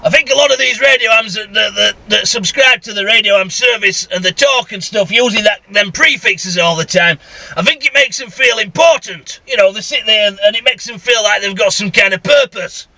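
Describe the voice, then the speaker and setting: Behind the wheel, a Northern English man who vlogs about CB radio keeps up a blunt, casual monologue, complaining and cursing as he goes. He speaks in a high, brisk voice that sounds bright and forceful. There's no echo, but the recording quality is poor.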